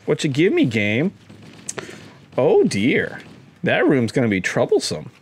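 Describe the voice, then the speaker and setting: Young man, let's play commentary, lively swooping pitch, unhurried, playful and mock-dramatic. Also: breathy edge. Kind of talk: casual gameplay commentary.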